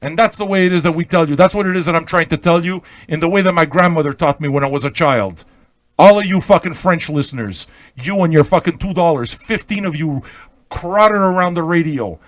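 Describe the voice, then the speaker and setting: A Montreal man whose first language is Italian rants off the cuff as an online pirate radio host. His higher-pitched voice is brash, profane and combative, fairly quick, and emphatic, repeating phrases and checking in with "okay?". The recording is dry.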